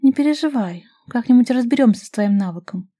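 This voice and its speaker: A woman voicing a feisty, stubborn young woman who teases and scolds loudly. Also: lively intonation, brisk, slightly rough, dry recording, studio quality. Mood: mocking. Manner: loud, high and scolding.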